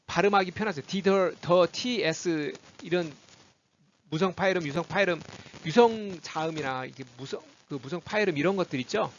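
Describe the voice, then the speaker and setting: Korean man drilling English pronunciation, gravelly. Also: high voice, highs cut off, a little hiss or hum. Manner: drills word lists, repeating words slowly and clearly. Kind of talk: recorded lesson.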